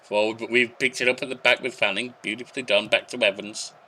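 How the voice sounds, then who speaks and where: A young man with a bright, forceful voice chats his way through a football management game. He calls the passes and shots in quick clipped bursts, then muses aloud about his team and his substitutions. His pitch sits in the middle for a man. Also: fairly even intonation, a little hiss or hum. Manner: chatty, narrating match play in short bursts, thinking aloud. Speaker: gaming YouTuber. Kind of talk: casual let's-play commentary.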